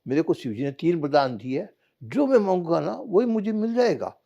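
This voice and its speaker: A man's voice: a little high, big pitch swings, moderate pace, vocal fry, mellow, voice pushed up, exaggerated voice. A man plays an impulsive poor young man in a spoken parable. He calls out urgently and emphatically, his voice rising. The sound is slightly lo-fi.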